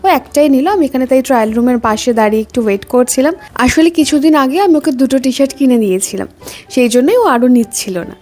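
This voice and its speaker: A young woman chatting softly and casually in her own vlog. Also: sits high, expressive, quick pace. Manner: soft-spoken, chatty, speaks quietly while baby sleeps. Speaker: vlogger.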